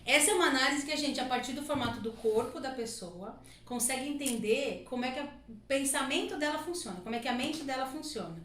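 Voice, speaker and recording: A woman's voice: high voice, fast, fairly bright tone. A woman guest on a podcast, explaining her body-analysis work at length with frequent asides. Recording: echoey room, mic at a distance, faint noise.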